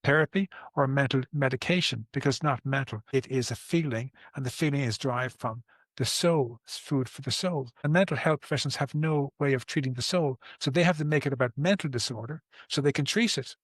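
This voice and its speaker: A man from Ireland, in his sixties, talks a little fast in a mid-range voice while explaining his work as a therapist. His manner is earnest, with repeated and restarted words and everyday examples. There's no room sound.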